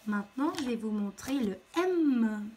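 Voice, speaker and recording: A woman's voice: on the high side, expressive, a little mellow, a little hiss or hum. A woman teacher giving a patient, step-by-step handwriting lesson to young children. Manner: slow, patient step-by-step instruction.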